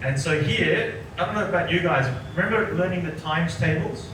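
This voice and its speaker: A man's voice: fairly high pitch, moderate pace, a crowd in the background. A man in his forties, from Sri Lanka, a psychologist giving a workshop lecture who keeps checking in with the audience by asking "right?". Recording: echoey room, voice from a distant mic, noticeable background noise.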